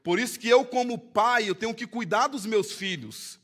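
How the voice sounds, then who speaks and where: High-pitched, bright-voiced Brazilian pastor preaching. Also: male voice, moderate pace. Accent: Brazilian Portuguese. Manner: impassioned preaching, swinging between loud emphasis and hushed storytelling. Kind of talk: sermon. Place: church. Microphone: live-streamed church service mic.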